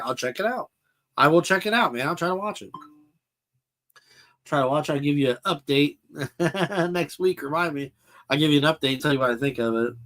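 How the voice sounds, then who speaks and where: A man's voice: mid-range voice, fairly bright tone. A man hosting a casual live chat about toys and films, answering viewers' comments as he goes. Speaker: toy collector channel host.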